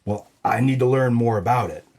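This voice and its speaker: A man's voice: medium pitch, a little fast, a little mellow, lightly acted. A man playing a brash, dim hard-boiled noir detective in a comedic audio drama, with a tough-guy delivery. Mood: smarmy.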